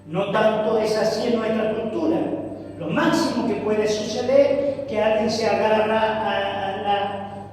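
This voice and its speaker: A man preaching a sermon with dramatic emphasis, asking his congregation rhetorical questions. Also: darkish tone. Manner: dramatic, emphatic delivery with pauses. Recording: booming echo of a large hall.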